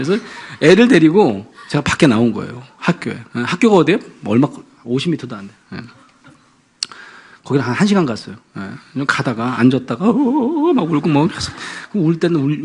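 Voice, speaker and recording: Husky, lively pastor telling a story. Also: male voice, medium pitch. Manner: animated storytelling, acting out scenes. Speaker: pastor and professor. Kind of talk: lecture to parents.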